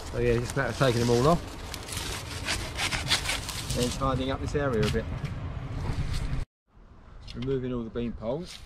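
Heavy background noise surrounds a medium-pitched male voice belonging to an English allotment gardener in his fifties. As host of a casual gardening vlog, he chats in a relaxed way from his outdoor plot and polytunnel, thinking aloud with fillers while explaining each job.

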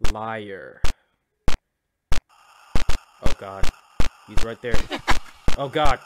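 A man's voice: fairly low pitch, very slow. A man doing scared, slangy horror game commentary, often repeating phrases in a panic. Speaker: gamer playing a horror game on a recording. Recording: noisy gameplay recording with clicks.

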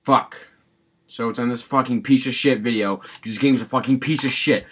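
A man doing raging gamer commentary, angry and exasperated, swearing heavily and prone to yelled outbursts. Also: mid-range voice, fairly even intonation, normal speed, slight background noise. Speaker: gamer recording a gameplay video.

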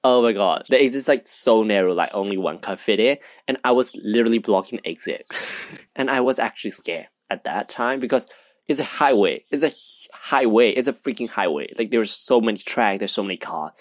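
Young man, casual storytime vlog, excited and rambling, fairly low voice. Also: fairly quick, no echo. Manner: excited, rambling, heavy use of "like". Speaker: vlogger.

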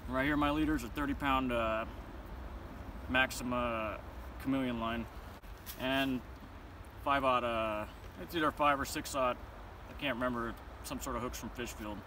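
This fishing vlogger, a young man with a medium pitch, speaks at a moderate pace broken by long pauses. Out on the riverbank, he shows step by step how he rigs his line, keeping it laid-back, plainspoken and full of slang. Audio comes from a camera a few feet off, with constant outdoor noise behind him.

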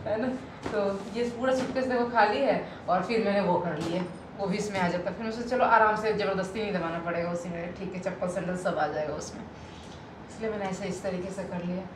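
A woman's voice: mid-range voice, a little fast, background noise. Chatty woman vlogging in an echoey room. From Faridabad, India. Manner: chatty, talks straight to viewers, many fillers. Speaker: family vlogger. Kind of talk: casual vlog chat to viewers. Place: at home, packing indoors.

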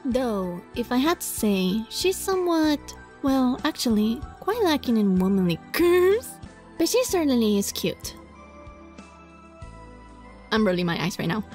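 Here a woman with a fairly high pitch plays a visual novel, voicing it dramatically and reacting in a relaxed, animated, playfully exasperated way, stumbling over words at times.

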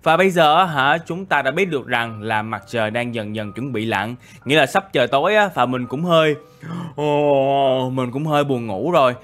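A man's voice: mid-range voice, animated, normal speed, fairly bright tone. A young man, narrating a game story in a chatty, exclaiming way. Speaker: gaming YouTuber. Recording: faint background music.

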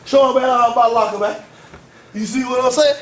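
A man's voice: very high-pitched, fairly even intonation, fairly quick. A young man playfully hosting a rowdy locker room video for the camera, boisterous and full of slang. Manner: boisterous, loud hyped-up banter with slang. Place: indoor team locker room. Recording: noisy locker room chatter.

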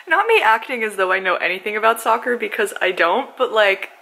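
This is a casual, self-mocking vlog from a native Polish woman in her twenties, filmed close on a handheld camera across her apartment living room, car and a store. Her slightly hoarse voice is medium-pitched, expressive and sharp, at a moderate pace with plenty of likes and ums, on a low-quality recording.

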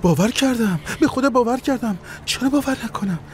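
A wheedling, manipulative ex-lover. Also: male voice, very high-pitched, expressive. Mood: pleading. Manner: coaxing, wheedling, then pleading. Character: manipulative grown man, pleading ex-lover. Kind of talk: dubbed TV drama. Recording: music playing under the voice.

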